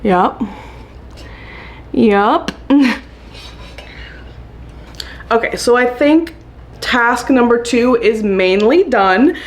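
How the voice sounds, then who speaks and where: A woman's voice: fairly high pitch, expressive, extremely slow, long pauses. A young woman vlogging casually about her houseplant chores, chatty and upbeat, laughing often. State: hiccuping. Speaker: plant vlogger. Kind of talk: casual chat to camera.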